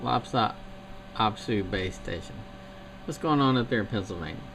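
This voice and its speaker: A CB radio operator from the Charleston, South Carolina coast chats over the air about his gear in a matter-of-fact, technical way. His voice is lowish and expressive at a moderate pace, heard through a radio link with loud static.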